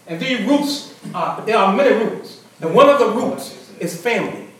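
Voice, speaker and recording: A middle-aged man preaches to a congregation in a conversational style, frequently repeating and restarting phrases. His voice is high and expressive at a normal speed, picked up by a distant mic in an echoey hall with the congregation audible.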